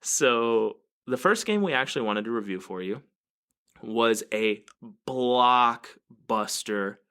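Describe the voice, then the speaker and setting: A man's voice: medium pitch, animated, takes it slowly, bright, forceful tone, smooth. A man co-hosting a gaming podcast in casual chat, joking and laughing often. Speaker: podcast co-host.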